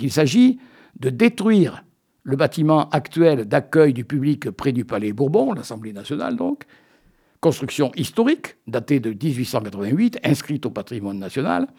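A man's voice: fairly high pitch, a little mellow, husky. A man in a radio studio delivering a comic radio chronicle in a playful, teasing, mock-solemn way. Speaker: radio columnist.

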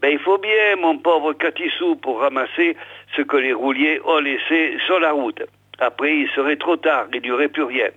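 A poor, simple-minded village man with a nasal voice, pitched well above normal talk, as a male storyteller puts him on. He calls out and pleads plaintively. The sound is thin and tinny, like an old phone-line recording. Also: normal speed, sharp tone. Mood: pleading. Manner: high plaintive calling.

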